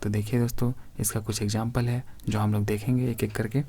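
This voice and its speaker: Low, flat-voiced man teaching grammar. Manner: reads word lists slowly and addresses viewers as friends. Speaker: exam prep teacher. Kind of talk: grammar lesson.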